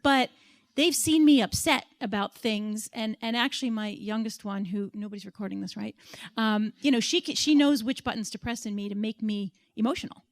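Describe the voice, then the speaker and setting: A woman's voice: fairly high pitch, moderate pace. A woman on a panel telling a candid, emotional personal story.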